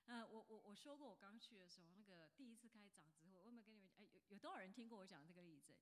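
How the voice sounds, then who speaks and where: A woman's voice: medium pitch, animated, racing. A woman in her fifties, a pastor giving a chatty sermon that often asks the congregation questions. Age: 50s. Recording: long hall reverb.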